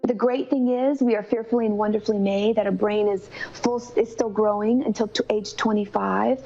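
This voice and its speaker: A woman's voice: medium pitch, fairly even intonation, moderate pace, warm tone. A woman telling a personal story of faith in an earnest, conversational way. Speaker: mother telling her daughter's illness story. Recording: slightly dull, lo-fi sound.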